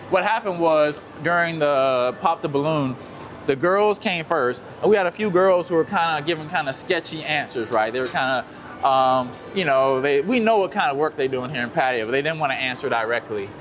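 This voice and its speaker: A guest with a fairly high voice tells a story casually outdoors in a city, speaking a little fast. He's relaxed and rambling, packing in lots of fillers, and the recording has a little hiss or hum.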